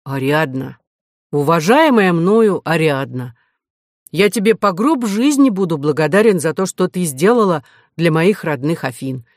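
A woman's voice: on the low side, sing-song, no room sound, clean studio sound. A woman doing Theseus, a polite stubborn young hero. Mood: placating. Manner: measured, placating. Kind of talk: audiobook character voice.

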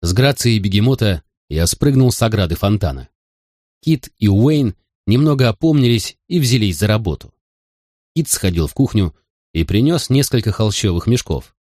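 A man's voice: on the low side, lively intonation, moderate pace, dark tone, dry recording, clean studio sound. A man narrating a first-person detective story in an audiobook reading.

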